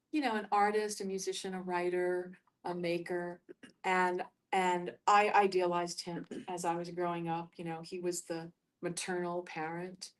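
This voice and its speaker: A middle-aged New Yorker facilitates a group discussion, thinking aloud and sharing personal stories in halting phrases. Her voice is on the low side and the mic is distant.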